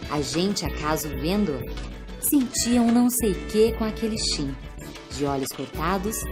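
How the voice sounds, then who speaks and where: A woman slowly reciting poems with expressive delivery. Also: lowish voice. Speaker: poetry reader. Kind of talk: recited poetry over music. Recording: music bed behind voice.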